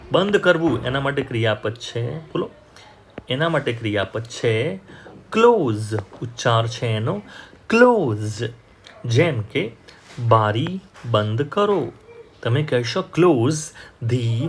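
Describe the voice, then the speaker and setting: A man with a Gujarati accent teaching English vocabulary, slowly repeating each word and example sentence. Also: medium pitch, slight background noise.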